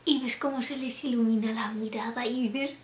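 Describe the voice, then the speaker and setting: A young woman chatting casually to camera, laughing often and dropping into soft asides. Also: on the high side, fairly even intonation, moderate pace. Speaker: vlogger. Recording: roomy room with faint hiss.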